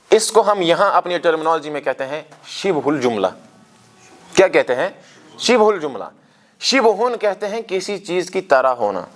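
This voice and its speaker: A man's voice: a little high, fairly bright tone. A man teaching Arabic grammar to a class, explaining terms step by step, asking questions and leading recitation drills.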